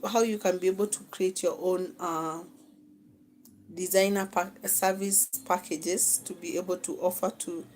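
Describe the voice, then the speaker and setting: A woman's voice: lowish voice, darkish tone, a little hiss or hum, rough recording. A woman with a Kenyan accent teaching a live online masterclass on social media management, coaching her viewers, repeating phrases and checking in with "okay?". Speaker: social media marketing instructor.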